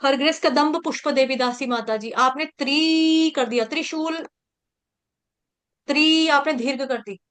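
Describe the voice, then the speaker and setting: A woman's voice: sits high, normal speed, fairly bright tone. A woman teaching an online scripture class, patiently breaking verses into syllables and chanting them for students to repeat. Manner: patient, coaching pronunciation syllable by syllable.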